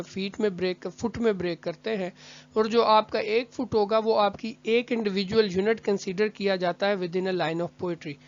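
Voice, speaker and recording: Unhurried poetry lecturer, patient and repetitive, muffled low-fi recording. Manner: reads English lines slowly, explains quickly in Hindi; careful, repetitive explaining with small restarts. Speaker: literature teacher. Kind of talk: classroom-style lecture. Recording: dull lo-fi audio.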